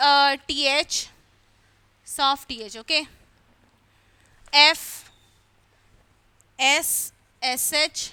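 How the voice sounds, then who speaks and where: A woman's voice: high voice, pushed and bright. A woman teacher with a Malayali accent, explaining a lesson step by step for children, repeating key words and asking questions. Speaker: school English teacher.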